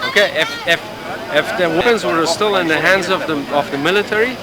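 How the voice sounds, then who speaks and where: Middle-aged man from Afghanistan, street interview, halting speech, slightly high voice, loud crowd behind. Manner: halting, many restarts and fillers. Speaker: hunger striker being interviewed. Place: outdoors in a busy public area. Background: crowd noise.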